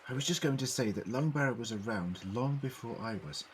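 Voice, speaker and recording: An actor in a fan audio drama playing an eccentric, brainy alien time traveller, explaining things theatrically in precise words. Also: male voice, mid-range voice, fairly quick, slight background noise, close to an everyday voice, poor audio.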